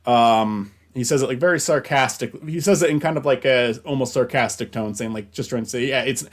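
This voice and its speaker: A young man hosting a casual chat stream, talking in a rambling, halting way with frequent restarts and casual swearing. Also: medium pitch. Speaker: stream host.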